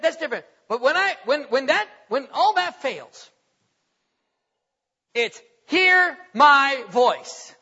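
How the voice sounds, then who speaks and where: A man preaching a sermon and reading scripture aloud, stretching his words and swinging from loud emphasis to quiet asides. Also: very high-pitched, husky. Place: church sanctuary. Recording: reverberant hall, dull lo-fi sound.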